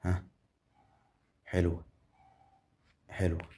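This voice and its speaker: A man with an Egyptian accent runs live gameplay commentary in a low, dark voice. He is chatty, counts his winnings out loud and keeps talking straight to the viewer. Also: completely flat delivery, slow pace. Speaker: gambling game streamer.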